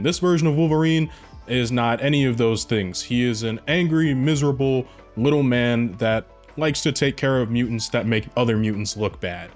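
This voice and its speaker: A man at a mid-range pitch talks through a cartoon episode in a loose, chatty way. He drops offhand asides as he goes, with faint music playing underneath. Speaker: video reviewer. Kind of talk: casual commentary. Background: faint background music.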